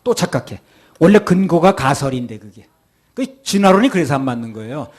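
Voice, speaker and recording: A man's voice: fairly high pitch, big pitch swings, brisk. A male pastor giving a sermon, acting out people's excuses in quoted voices.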